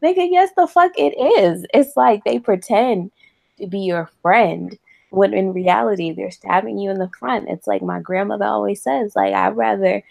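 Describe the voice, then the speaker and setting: A woman's voice: mid-range voice, moderate pace, vocal fry, darkish tone, no room sound. A woman from the American South co-hosting a podcast, blunt and laughing often in casual chat. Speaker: podcast co-host.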